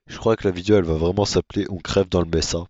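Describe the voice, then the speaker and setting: A man giving casual, monotone commentary on his own gameplay, with self-mocking asides. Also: low-pitched, very fast, no room sound, dull audio. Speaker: gaming video creator.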